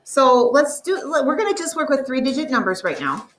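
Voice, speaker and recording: A woman teaching a math lesson to a classroom, explaining step by step and slowly drawing out the numbers. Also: high voice, sing-song, fairly bright tone, recorded from a distance, poor audio.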